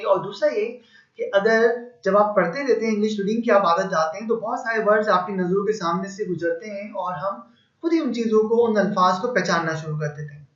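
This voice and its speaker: High-voiced man teaching in an echoey room. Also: fairly quick, a bit bright. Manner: patient, step-by-step explaining with examples. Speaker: English teacher. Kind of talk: explanatory lesson. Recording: echoey room, slightly dull sound.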